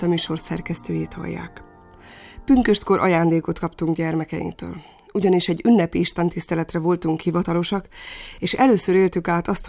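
Female radio presenter, low and gravelly, calm scripted delivery. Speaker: radio program editor and presenter.

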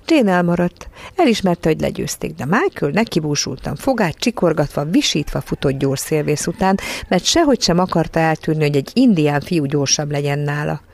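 A narrator reading a children's storybook aloud in an even, measured way. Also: medium pitch, gravelly. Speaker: audiobook narrator.

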